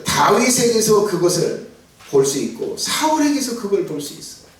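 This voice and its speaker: High-voiced pastor preaching in an echoey hall. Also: male voice, sing-song, moderate pace, recorded from a distance. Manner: emphatic, rising to near-shouts, then dropping to hushed asides. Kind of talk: sermon. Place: church sanctuary.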